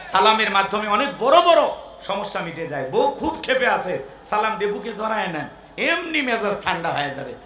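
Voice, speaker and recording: A man preaching a comic sermon to a crowd, joking, asking the listeners questions and breaking into shouts and chanting. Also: high-pitched, very animated, fairly quick, roomy sound, slight background noise. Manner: jokey, quizzes the crowd, bursts into shouts and chanting.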